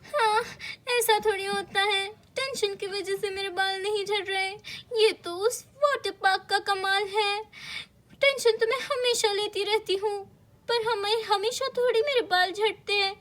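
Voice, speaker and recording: Lady doing a whiny worried young mom in a doll story, super high bright voice, slow. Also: fairly even intonation. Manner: worried, whining, near tears. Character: fretful young mother, dramatic and whiny.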